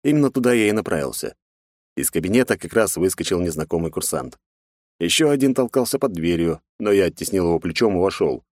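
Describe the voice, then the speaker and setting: A man narrating a fantasy audiobook in the first person, with steady, even storytelling. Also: low voice, a little fast, no room sound, clean studio sound.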